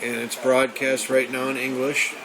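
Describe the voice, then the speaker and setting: An amateur radio hobbyist gives an unscripted, rambling show-and-tell, chatting casually in a medium-pitched monotone at a moderate pace. The room is noisy, with a crowd in the background and a shortwave radio broadcast playing.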